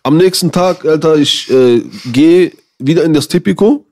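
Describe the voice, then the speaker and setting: A young man casually telling animated anecdotes in street slang, quoting what others said, as a streamer chatting with friends. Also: on the high side, moderate pace. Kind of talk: casual storytelling chat.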